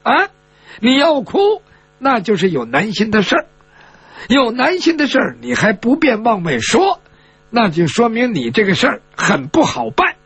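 A man's voice: very high voice, huge pitch swings, moderate pace, a bit bright, husky, dry recording, soft background music, exaggerated voice. A man voicing an arrogant, spoiled young male swordsman who taunts and needles. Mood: sneering.

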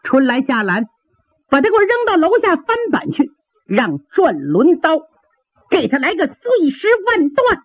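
A woman's voice: sits high, wildly swooping pitch, measured pace, no echo, voice pushed up, exaggerated voice. A woman voicing a haughty, fiery princess. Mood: furious. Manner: imperious, scolding. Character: young proud princess, quick-tempered and commanding. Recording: dry, tinny phone-like sound.

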